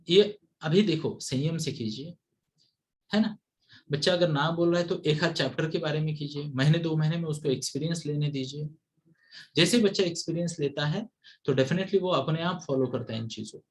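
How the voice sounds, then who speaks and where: A man's voice: fairly high pitch, normal speed. A man coaching parents on study habits over a video call, who mixes English into his Hindi and keeps asking his listeners to answer yes or no. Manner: mixes English into Hindi, asks the audience constant yes-or-no checks.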